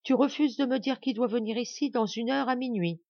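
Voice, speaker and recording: A woman's voice: medium pitch, lively intonation, moderate pace, no room sound, lo-fi sound, lightly acted. A woman voicing a cold, iron-willed young noblewoman who mocks and accuses her rival harshly. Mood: relentless.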